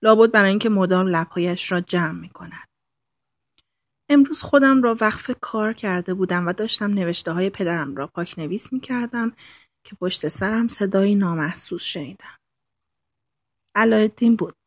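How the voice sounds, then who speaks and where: Husky woman reading a novel aloud. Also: medium pitch, no echo. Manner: calm storytelling reading, slow and intimate. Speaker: audiobook narrator. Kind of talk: scripted narration.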